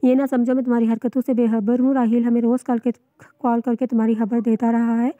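A woman's voice: fairly high pitch, little pitch movement, fast talker, mellow, no room sound, close to an everyday voice. A woman reading out the lines of a strict but loving middle-aged mother who scolds her daughter. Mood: scolding. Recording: dull lo-fi, dry.

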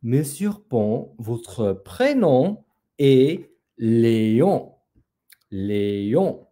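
A man voicing an excited father rabbit in a children's story, with drawn-out exclamations. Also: mid-range voice. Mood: triumphant.

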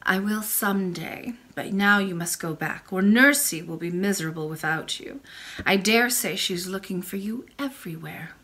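A woman voicing a kind, mysterious, very old grandmother, speaking softly, low and slowly. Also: natural voice. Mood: gentle. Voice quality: soft and low, slow.

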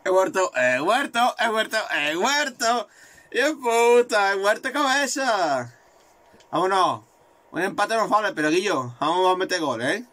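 A man commentating his own football video game, excitable and swearing, repeating words in rapid bursts. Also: high voice. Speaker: gaming video creator.

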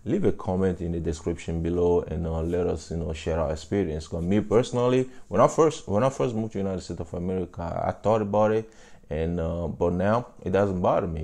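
A gravelly, slightly mellow voice that sits low belongs to an African vlogger in his thirties who encourages his audience earnestly to camera and keeps saying "you know." His first language is a local African language, followed by French; he's seated on a couch in a small room, recorded on a lapel mic.

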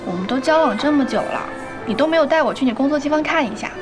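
A woman's voice: sits high, expressive, fast talker. An actress in her twenties playing a sweet young girlfriend in a TV drama, pleading in a coquettish, whiny way. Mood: coy, coaxing. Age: 20s. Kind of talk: TV drama acting. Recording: background music.

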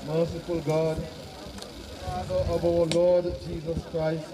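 A man's voice: a little high, flat delivery, takes it slowly. A man officiating as clergyman, reciting a solemn, formal graveside prayer outdoors. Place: outdoor cemetery on open grassy ground. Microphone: far camera behind the speaker. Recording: distant mic outdoors, gathered crowd noise.

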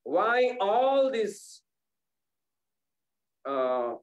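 Slow, high-voiced male pastor preaching. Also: very animated, rough recording. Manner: repetitive preaching with halting restarts. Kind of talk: sermon.

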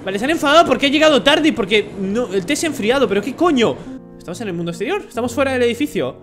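A young man from Spain with a Spanish accent, commentating a horror game, jumpy, swearing and shouting when startled. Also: very high-pitched, animated, very fast. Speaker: gaming YouTuber. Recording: game music behind voice.

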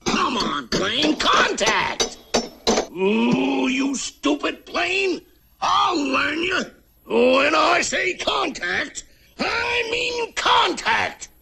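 A man voicing a short-tempered German baron flying ace in a cartoon, ranting loudly in rustic grammar sprinkled with German words. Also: sits high, huge pitch swings, slow pace, noisy background, heavily acted. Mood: furious, bellowing. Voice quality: gravelly. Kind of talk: exaggerated cartoon acting. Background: orchestral cartoon music.

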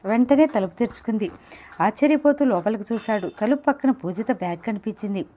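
A woman narrating an audio novel in a steady, measured storytelling manner. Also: fairly high pitch. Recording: dull lo-fi recording.

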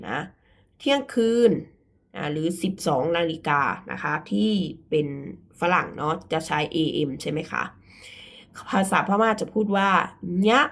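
A woman with a Thai accent teaching a language lesson, patiently repeating words and checking that students follow. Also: on the low side.

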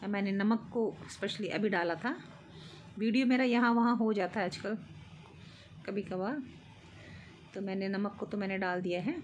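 A woman's voice: medium pitch, fairly even intonation, normal speed, long pauses. Home cooking vlogger, woman, middle-aged; friendly step-by-step chat, phone-recorded with faint noise. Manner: chatty, explains step by step, light laughs. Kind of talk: casual cooking narration. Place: home kitchen.

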